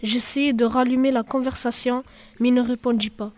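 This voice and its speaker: A woman narrating an audiobook drama in a steady, even storytelling manner. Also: a little high, fairly quick, dry recording.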